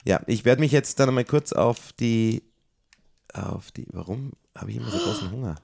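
A man's voice: mid-range voice, expressive, moderate pace, creaky, darkish tone, dry recording. A middle-aged man, chatting casually with his child while they play a video game, grumbling and easily exasperated. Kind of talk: casual let's-play chat.

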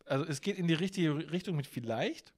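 A man's voice: a little high, animated, fairly quick, darkish tone. A man co-hosting a casual podcast chat, playfully teaching his friend words in a teasing way. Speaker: podcast co-host.

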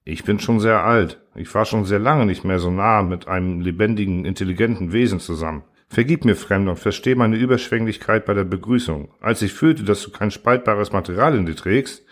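A man's voice: lowish voice, close to an everyday voice. A man voicing a sad old giant alien. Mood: sorrowful. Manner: sad, slow and brooding. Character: huge gentle old male uranium-eating alien. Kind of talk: audiobook character voice.

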